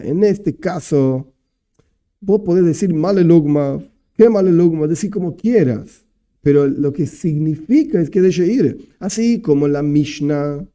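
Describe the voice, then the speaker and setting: A rabbi with an Argentine Spanish accent teaches a Talmud lesson, explaining things step by step and reading Aramaic phrases slowly. His voice is on the high side and mellow.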